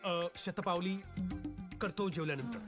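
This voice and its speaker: A man's voice: high voice, a little slow, long reverb tail. A young man in a comic film who plays a nervous friend stalling and covering for others. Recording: film soundtrack with loud music.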